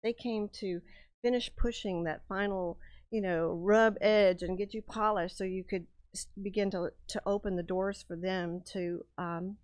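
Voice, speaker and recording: A woman's voice: mid-range voice, steady tone, measured pace, a little mellow, dry recording. Earnest rambling woman guest, dry sound. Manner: earnest, rambling, many restarts. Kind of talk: casual interview chat.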